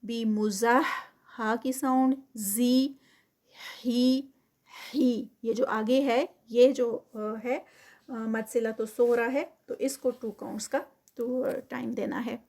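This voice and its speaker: A woman teaching Quran tajweed, reciting slowly and drawing out the words, then explaining the rules quickly. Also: a little high, steady tone, dark tone. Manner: slow drawn-out recitation between quick explanations. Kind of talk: tajweed lesson.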